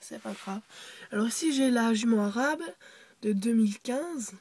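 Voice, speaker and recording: A woman's voice: fairly high pitch, normal speed, darkish tone, breathy edge, no echo. A young girl showing her toy horse ranch in a casual show-and-tell, full of fillers, self-corrections and whispered asides.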